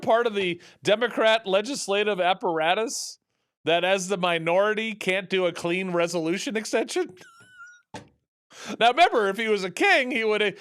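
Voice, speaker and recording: Talk host, male, high lively voice, sarcastic rambling rant, dry studio sound. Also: smooth, no echo. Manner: animated, rambling, sarcastic, with many restarts. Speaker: radio talk show host. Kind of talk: opinionated political talk.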